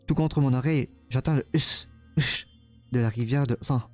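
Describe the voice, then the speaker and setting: A man's voice: medium pitch, moderate pace, no echo, faint music behind, natural voice. A man reading a game's first-person narration as a tormented young man, dramatic and stumbling over words now and then. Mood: anguished.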